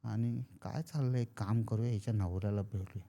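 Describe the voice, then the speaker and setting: A man's voice: lowish voice, fairly even intonation, brisk, vocal fry, dark tone. A man telling a horror story casually, acting out the characters' lines. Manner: acts out characters' lines in quoted speech. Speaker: podcast guest storyteller.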